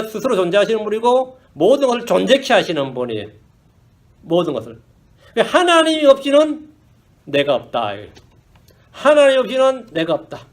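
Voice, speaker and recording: A man preaches a sermon to his congregation with a high-pitched voice. His pitch swings widely as he preaches with animation. He keeps asking the listeners questions and drops English phrases into his sermon. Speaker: pastor. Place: church.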